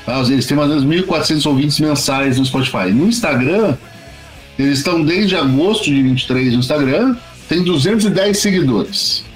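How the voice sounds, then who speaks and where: A man's voice: on the high side, brisk, poor audio. A man hosting a casual music review, informal, running through facts and numbers. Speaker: host.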